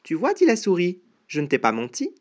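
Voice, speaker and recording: Storyteller doing a tiny storybook mouse, squeaky, cheeky, boastful, swooping pitch. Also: huge pitch swings, fairly quick. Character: small clever boastful mouse. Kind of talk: storybook read-aloud.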